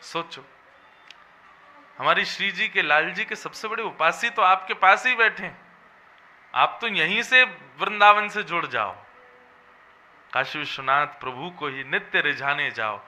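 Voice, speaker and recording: A man's voice: on the high side, expressive, unhurried, long pauses, sharp tone. A man giving a devotional sermon as a religious storyteller, preaching in an emphatic, melodic way. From Vrindavan region.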